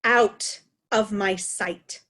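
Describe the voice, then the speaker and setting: A woman's voice: medium pitch, steady tone, drawn-out words, fairly bright tone. A woman playing a proud, wrathful old king in formal, commanding Shakespearean stage verse. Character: old king Lear, proud, wrathful, imperious male monarch. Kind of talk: Shakespeare reader's theatre acting.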